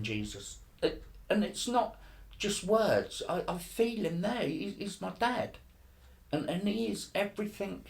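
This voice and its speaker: A middle-aged man, giving an earnest personal faith testimony, halting and often repeating his words. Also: sits high, gravelly. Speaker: testimony speaker.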